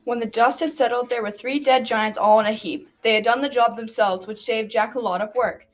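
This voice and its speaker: Heard through a distant mic with faint noise, a girl around 12 or 13 narrates a scripted folktale in a folksy storytelling manner for an amateur radio drama. Her somewhat high female voice holds a steady tone at a fairly quick pace and sounds close to how she'd normally talk.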